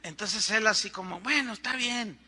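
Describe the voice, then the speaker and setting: A middle-aged Mexican pastor preaches in a high, very bright voice and speaks with a Mexican Spanish accent. He tells the story like a conversation, with asides to his listeners, and he acts out the people he quotes. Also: normal speed. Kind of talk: storytelling sermon.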